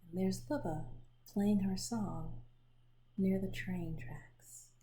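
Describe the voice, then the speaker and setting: Reading a children's picture book aloud, a woman at medium pitch uses an expressive storytelling style and stops now and then to show the pictures.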